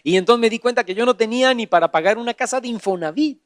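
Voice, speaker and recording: A man's voice: very high voice, quick pace, no echo, studio quality. A man preaching a sermon, telling a personal story with acted dialogue and rising to fervent emphasis. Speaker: pastor.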